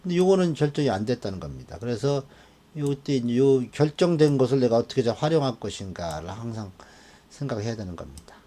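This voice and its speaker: A man teaching a class of students, animated and often checking that they follow along. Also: mid-range voice, fast. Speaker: fortune-telling teacher. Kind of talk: classroom lecture.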